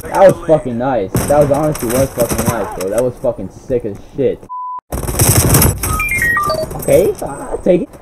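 A man's voice: mid-range voice, lively intonation, moderate pace, pauses often. Foul-mouthed young man raging at a game. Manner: profane, hot-tempered trash talk, bursts of yelling. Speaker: gamer commentating his own match. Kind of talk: live gameplay commentary. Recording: gameplay audio noise under the voice. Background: game sounds, gunfire and vehicles.

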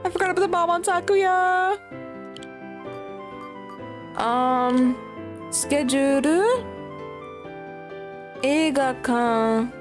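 High-voiced woman giving casual game commentary. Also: drawn-out words, long pauses. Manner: chatty, crude and excitable, with playful swearing. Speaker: streamer playing a dating game. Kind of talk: casual let's-play commentary. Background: game music.

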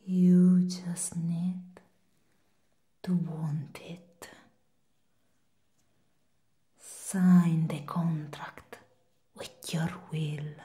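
A woman acts out a seductive she-devil in a whispered role-play. The demonic whisper is very slow, soft and dark, low-pitched and breathy. She coaxes and teases like a temptress luring a human. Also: level tone. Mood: hypnotic coaxing.

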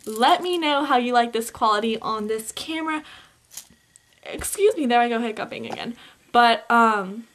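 Teen girl vlogger, upbeat and rambling, slightly high, camcorder mic at home. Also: normal speed, a bit bright. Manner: chatty, upbeat, many fillers. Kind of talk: casual holiday haul vlog. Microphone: camcorder built-in mic.

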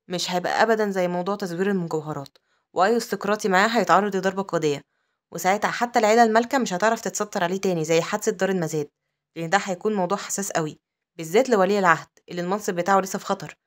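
A woman with an Egyptian accent narrating a comic-story recap, with quick asides. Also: lowish voice. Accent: Egyptian Arabic. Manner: rapid, breathless storytelling with asides.

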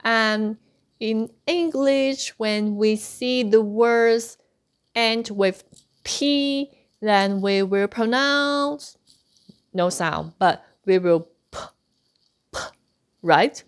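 A woman's voice: on the high side, extremely slow. A woman teaching an online language lesson, patiently repeating sounds for practice. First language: Cantonese. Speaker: Cantonese teacher.

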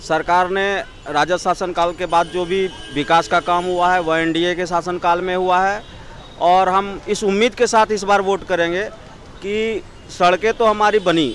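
A man's voice: high voice, fairly even intonation, unhurried, fairly bright tone, a little hiss or hum. A man stopped on the street, confidently explaining his view point by point. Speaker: interviewed passerby.

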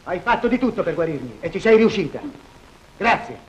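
Brief: a pleading, lovesick young man with a high-ish voice, from a 1940s film. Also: big pitch swings, fairly quick, darkish tone, muffled recording. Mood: defensive.

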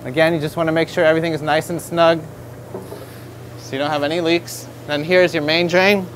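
A man's voice: fairly high pitch, flat delivery, fairly quick, noisy background. American male host, thirties, store tutorial, instructive and upbeat, lapel mic in a showroom. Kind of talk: product demonstration tutorial.

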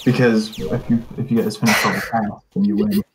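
A man's voice: lowish voice, level tone, brisk, slight background noise. A young man in a casual gaming voice chat, explaining things in a loose, laid-back way. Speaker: gamer.

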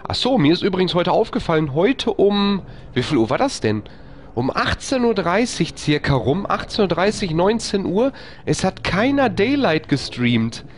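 A man's voice: sing-song, normal speed, a little hiss or hum. A man streaming a horror game live, chatting with viewers and swearing in panic when attacked. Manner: panicked swearing, screaming in high pitch; whispers while sneaking. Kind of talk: live let's play commentary.

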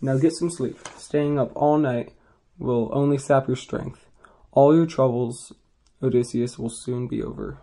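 A man's voice: medium pitch, fairly even intonation, unhurried, dark tone. A man reading a commanding goddess. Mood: chiding.

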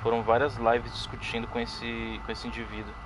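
This young Brazilian man talks at medium pitch and normal speed against background noise, with a Brazilian Portuguese accent. Streaming a horror game, he chats casually with viewers, thanks followers, and lets out sudden excited yelps as live commentary.

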